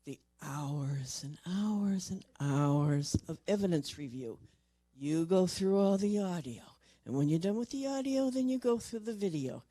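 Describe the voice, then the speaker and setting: A paranormal investigator giving a lively storytelling talk at a convention and acting out the people quoted. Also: mid-range voice, a little slow, dry recording. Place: convention stage or panel room.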